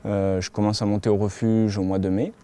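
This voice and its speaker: A man's voice: lowish voice, brisk, clean tone. A man who keeps a mountain hut, speaking casually in an interview with many small hesitations. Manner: relaxed, hesitant with frequent fillers.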